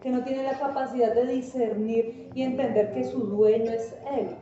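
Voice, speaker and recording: A woman's voice: fairly high pitch, fairly even intonation, normal speed, dark tone. A woman pastor, giving an earnest, emphatic sermon and acting out quoted voices. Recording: distant, echoey, dull church sound with guitar.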